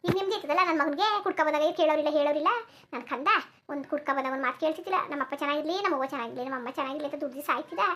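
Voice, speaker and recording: A woman voicing a sharp-tongued old village grandmother in a cartoon, scolding and cursing without pause. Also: sits high.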